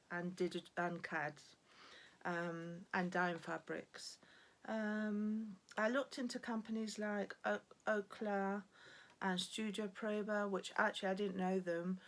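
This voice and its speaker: A woman presenting her design work, hesitant with many fillers and restarts, a bit out of breath. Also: medium pitch. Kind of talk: informal spoken presentation.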